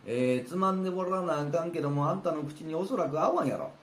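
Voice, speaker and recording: A man's voice: fairly high pitch, expressive, fast, slight background noise, close to an everyday voice. Man doing a sly scheming Kansai master. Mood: hushed. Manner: sly, conspiratorial. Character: scheming older male master of the house. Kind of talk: rakugo storytelling. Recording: roomy with faint ambience.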